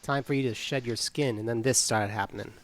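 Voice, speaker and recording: A man's voice: mid-range voice, fairly quick. Hesitant man role-playing his character. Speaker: player. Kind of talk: in-character tabletop role-play.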